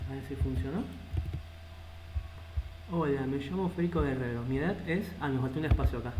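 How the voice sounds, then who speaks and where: In an echoey space with heavy background noise, a programming instructor speaks a little fast in a medium-pitched voice. He has a Rioplatense Spanish accent and thinks aloud while typing during a live coding lesson.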